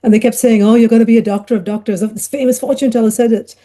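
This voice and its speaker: Her voice a little high and mellow, with fairly even intonation and a quick pace, a middle-aged woman shares her life story on a podcast. She is a child psychiatrist who grew up in Ghana, and she tells it chattily, laughing and using lots of fillers.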